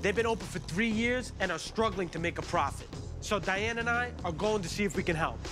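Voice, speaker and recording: A man's voice: high-pitched, a little fast. A man in his forties hosting a restaurant makeover show, narrating and chatting in a direct, upbeat way. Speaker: restaurant consultant and show host. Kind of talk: reality TV narration and casual chat. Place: small bright café dining room. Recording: music bed under the talk.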